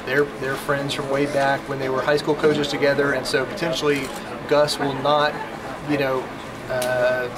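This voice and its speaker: A man breaking down a football matchup in casual, measured talk. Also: mid-range voice, level tone. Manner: measured, analytical, with fillers. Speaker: football podcast co-host. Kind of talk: casual sports analysis. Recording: live show with crowd behind. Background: crowd noise.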